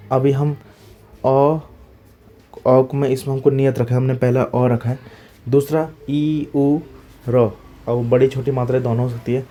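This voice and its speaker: A man's voice: mid-range voice, dark tone. A male teacher giving an exam-prep grammar lecture, spelling out sounds one by one and asking questions that he answers himself. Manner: checks in with "okay?" after each point.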